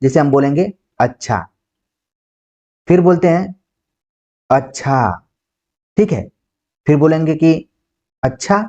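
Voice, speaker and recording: A man teaching an exam-prep Hindi lesson who explains slowly, acts out example words and keeps checking with "ठीक है". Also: a little high, warm tone. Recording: dull lo-fi sound.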